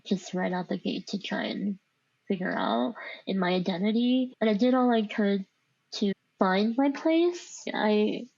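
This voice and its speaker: Born overseas in Vietnam and brought up in the United States, this woman shares her life story on a podcast, speaking informally and reflectively with frequent "like"s and a speech impediment. Her mid-range voice is a little slow with a darkish tone, and the lo-fi recording has no echo.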